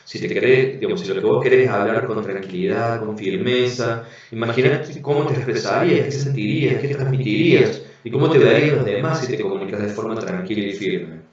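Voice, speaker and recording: A man with a Rioplatense Spanish accent giving an online class, explaining calmly and often checking in with tag questions, heard over a video call. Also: lowish voice, brisk, few pauses. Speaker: instructor. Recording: very echoey, dull lo-fi audio.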